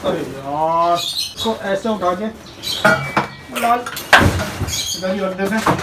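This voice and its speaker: Male vlogger, chatty and talking to viewers while working, slightly high voice, noisy outdoor phone recording. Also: expressive, takes it slowly. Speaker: bird keeper vlogger. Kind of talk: casual vlog narration. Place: rooftop kitchen and bird pens, outdoors. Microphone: handheld phone camera.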